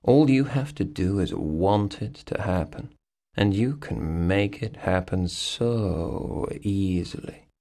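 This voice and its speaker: Slow, low-voiced male hypnotist. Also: warm tone. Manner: slow, soothing, repetitive suggestions. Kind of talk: guided hypnosis session.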